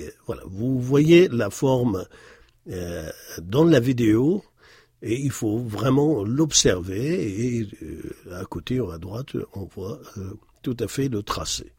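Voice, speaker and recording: A man giving a recorded language lesson, explaining patiently with many hesitations and slowly repeating words to model their pronunciation. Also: mid-range voice, darkish tone, breathy edge, dry recording, studio quality. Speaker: Arabic teacher.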